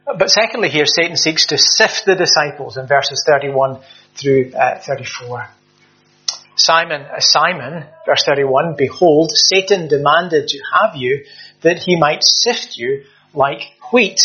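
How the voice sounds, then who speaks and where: A man's voice: fairly high pitch, pushed and bright, highs cut off. A man preaching a sermon in a conversational way, with hesitant fillers and emphatic rising stresses.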